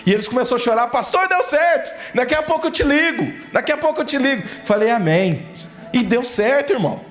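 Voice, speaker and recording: Man, pastor, fervent sermon, high voice, echoey church hall, faint music behind. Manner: fervent preaching, addresses listeners as "querido", asks "amém?". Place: church sanctuary.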